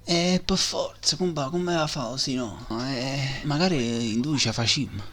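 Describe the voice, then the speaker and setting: A man's voice: mid-range voice, a little slow, lightly acted. A man with a Neapolitan accent voicing an easygoing, grumbling martial-arts father in a comic anime parody.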